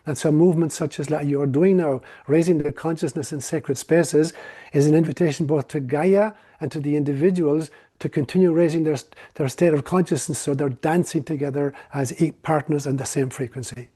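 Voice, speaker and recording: A man's voice: a little high, fairly even intonation, brisk, dark tone, breathy edge. An Irish man speaking as a spiritual teacher in an interview, with an eloquent, lilting storyteller's delivery. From Ireland. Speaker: guest mystic and spiritual storyteller.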